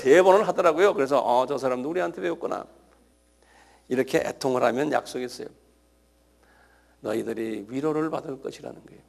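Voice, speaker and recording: This middle-aged man's voice is fairly high and gravelly as he delivers a lively sermon as pastor. He cries out suddenly and urges his congregation to respond.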